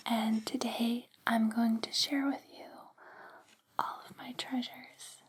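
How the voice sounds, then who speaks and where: A woman hosting ASMR in a breathy, unvoiced whisper, speaking gently in slow, deliberate phrases. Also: a little high, little pitch movement. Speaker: ASMR host.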